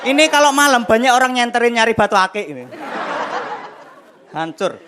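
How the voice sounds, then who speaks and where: A young man performing a stand-up comedy set on a TV studio stage, telling animated stories with acted-out voices and sound effects. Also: very high voice, brisk. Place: television studio stage with live audience. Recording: noisy broadcast with loud crowd laughter. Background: audience laughter.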